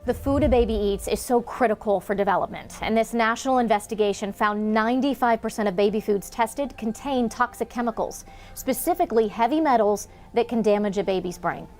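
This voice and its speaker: A TV news reporter, a woman with a fairly high voice, delivers her story in a clear, measured way. Faint music sits under her. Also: a little mellow.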